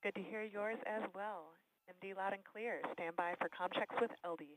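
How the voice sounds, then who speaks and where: A woman's voice: mid-range voice, steady tone, normal speed, slight background noise. A woman making formal procedural com-check call-outs over astronaut radio, with a phone-like transmission sound. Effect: radio, telephone-like. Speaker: mission director doing com checks.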